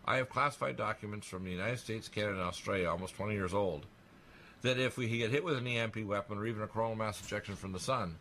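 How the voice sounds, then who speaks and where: A man talking on a radio talk show in a rapid, insistent monologue, emphatic and alarmist as he piles up claims. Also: lowish voice, pushed and bright, a little hiss or hum.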